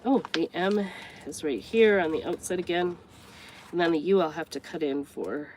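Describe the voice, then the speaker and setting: An older American woman with a congested, stuffed-up voice chats casually as a craft vlogger, rambling and thinking aloud while working through a tutorial. Her voice is lowish and darkish at a moderate pace, with slight background noise.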